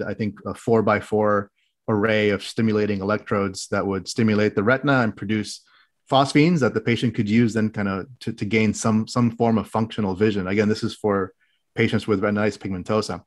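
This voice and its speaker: His voice sits lowish, brisk, with fairly even intonation. A health tech director who grew up in the Middle East, he's a guest on a podcast, walking through his engineering background in casual interview talk: explanatory and technically precise, yet full of restarts and filler words.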